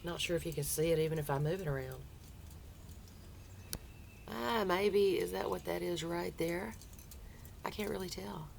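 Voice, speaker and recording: A woman with a low, darkish voice and vocal fry speaks in a folksy Southern US drawl, chatty and informal like a home crochet vlogger, at a moderate pace with long pauses. She's recorded outdoors on a porch, with light outdoor noise in the background.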